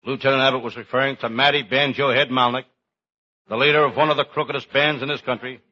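An actor playing a wisecracking hard-boiled cop detective with deadpan delivery in an old-time radio comedy. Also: male voice, mid-range voice, quick pace, close to an everyday voice. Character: wisecracking hard-boiled private-eye cop, Sam Shovel. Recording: muffled, very noisy old radio recording.

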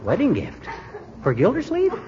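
A man's voice: sits high, huge pitch swings, normal speed. A man playing a cocky, needling little husband who repeats phrases gleefully, in 1940s radio comedy acting. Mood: gleeful, nosy. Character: cocky, teasing, wisecracking little husband and gossip. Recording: dull, slightly noisy vintage radio recording.

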